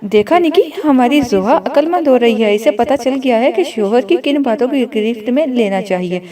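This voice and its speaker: A woman's voice: on the high side, lively intonation, normal speed, crowd noise, natural voice. A woman reading aloud, voicing a playful young woman who teases her friend with affection. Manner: teasing, affectionate.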